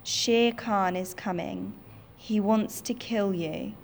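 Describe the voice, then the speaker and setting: A woman's voice: mid-range voice, takes it slowly, gravelly, darkish tone, slight background noise. A woman reading a wise protective panther. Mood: warning.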